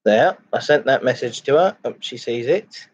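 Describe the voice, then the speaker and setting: A man hosting a casual livestream chat, greeting viewers in a halting, repetitive way. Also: mid-range voice, lively intonation, slightly rough. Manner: halting, repeats phrases. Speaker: live streamer, host of a chat and ASMR stream. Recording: dull lo-fi microphone sound.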